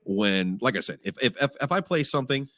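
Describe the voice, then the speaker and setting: A man's voice: mid-range voice, expressive, a little fast, bright, forceful tone, no echo. A man co-hosting a podcast in casual chat, earnest and careful, often repeating himself. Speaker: podcast co-host.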